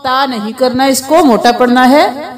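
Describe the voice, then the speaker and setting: A woman with a high-sitting voice teaches a slow Quran reading lesson. She patiently explains each letter step by step, drawing out the letter sounds so learners can repeat them.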